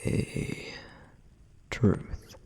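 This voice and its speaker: A man voices a male flame demon, dutiful and protective, in an ASMR roleplay, speaking very slowly. His whisper is soft, and the mood is wistful and reflective.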